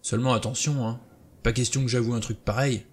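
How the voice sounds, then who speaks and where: A man's voice: medium pitch, steady tone, brisk, breathy edge, close to an everyday voice. A man voicing Blore, a blunt and defensive former policeman, in an audiobook reading. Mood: grudging.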